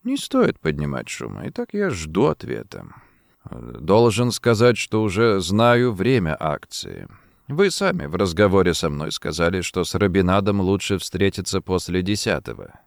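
A man voicing a calm, clever male secret agent who speaks quietly and deliberately. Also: low voice, creaky, no room sound, studio quality, pitched below the performer's own voice, exaggerated voice. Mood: calm menace.

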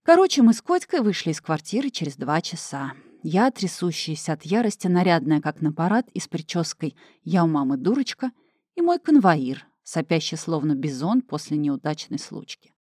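A woman reads a first-person novel aloud with emotional, emphatic delivery. Her voice is mellow and dark, and the recording is dry and close with no room sound. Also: low-pitched, sing-song, moderate pace, hardly any pauses, breathy edge, no room sound. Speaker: audiobook narrator.

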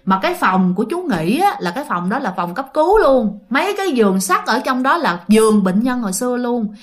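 A woman voicing an old male night guard, telling things in a low, grave way. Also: very animated, a little fast.

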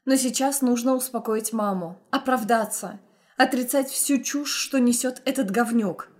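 A woman's voice: a little high, unhurried. A young woman narrating a first-person audiobook in an intense, emotional storytelling manner.

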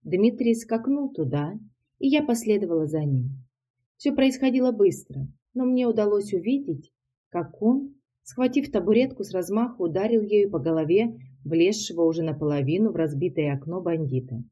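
A woman reading a first-person novel aloud, steady and matter-of-fact. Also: medium pitch, normal speed. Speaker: audiobook narrator. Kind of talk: first-person audiobook narration.

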